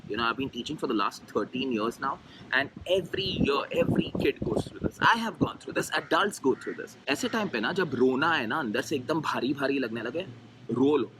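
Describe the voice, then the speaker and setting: A man's voice: mid-range voice, expressive, rapid-fire, background noise. A man in his thirties, a teacher with an Indian English accent, giving earnest advice to students and mixing English with Hindi. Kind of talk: heartfelt advice talk to students.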